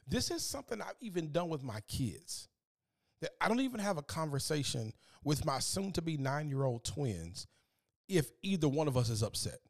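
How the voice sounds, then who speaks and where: A man hosting a podcast, giving an earnest, preachy, faith-based motivational talk and repeating words as he gets fired up. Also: a little high. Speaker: podcast host.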